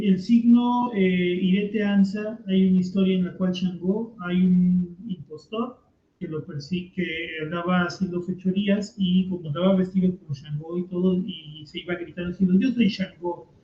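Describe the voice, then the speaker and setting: A man lectures in an easy, conversational way, asking and answering his own questions as he teaches. His voice sits high for a man. The sound is roomy and somewhat dull, like a lo-fi recording. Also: steady tone, normal speed. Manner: conversational, frequent rhetorical questions. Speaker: teacher leading a commented reading. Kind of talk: explanatory lecture.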